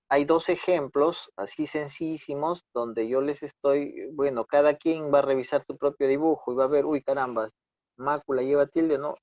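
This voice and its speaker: A man's voice: medium pitch, a little mellow, no room sound. A male instructor with a Peruvian Spanish accent runs an online class, correcting his students' work with patience. His voice comes through a dull, dry computer microphone. He keeps checking in with the students as he talks. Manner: corrective, patient, repeats "¿no?" often. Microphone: computer mic on a video call. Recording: dull dry video-call audio.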